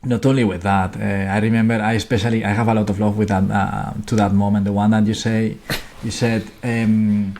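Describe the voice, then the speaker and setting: A man's voice: lowish voice, little pitch movement, fairly quick, vocal fry, few pauses, a little mellow. A man guest from Spain, speaking English as a second language after Spanish, who talks in a playful, teasing way. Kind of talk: casual conversation. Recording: noisy background hiss.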